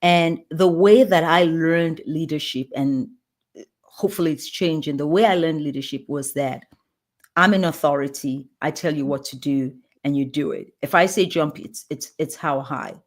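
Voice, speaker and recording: Woman, lowish voice, earnest, emphatic, restarts phrases, interview guest. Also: moderate pace. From Nigeria. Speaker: guest pediatrician and leadership coach. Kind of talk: conversational interview answers.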